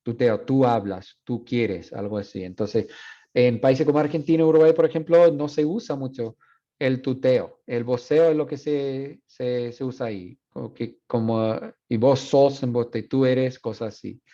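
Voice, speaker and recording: A man lectures a class in a mellow, darker voice, hesitating often with fillers and slipping between Spanish and English. The recording is dull and lo-fi. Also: medium pitch, normal speed. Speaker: university Spanish instructor.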